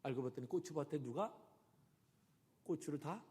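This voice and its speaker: A male pastor telling a story in a sermon, dropping to hushed murmurs and then rising to shouts. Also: on the high side, expressive, moderate pace, slightly rough. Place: church sanctuary. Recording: reverberant church sanctuary.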